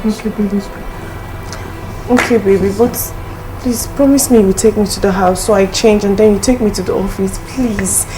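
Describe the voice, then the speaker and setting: A woman's voice: mid-range voice, steady tone, moderate pace, close to an everyday voice, rough recording. A woman with an Igbo-influenced Nigerian accent acting a harried, pleading young working woman in a film drama. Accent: Nigerian, Igbo-influenced English. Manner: pleading, exclamatory. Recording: music behind the dialogue.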